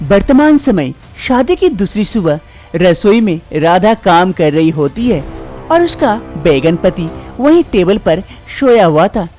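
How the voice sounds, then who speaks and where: A man narrating an animated story in a scripted, expressive storytelling manner. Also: high-pitched, unhurried, soft background music.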